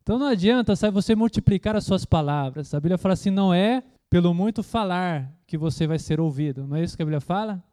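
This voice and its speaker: A pastor with a notably high, expressive voice preaches a sermon, repeatedly asking rhetorical questions and pausing for amens. Now and then he mockingly imitates loud, shouted prayers before returning to a plain teaching tone.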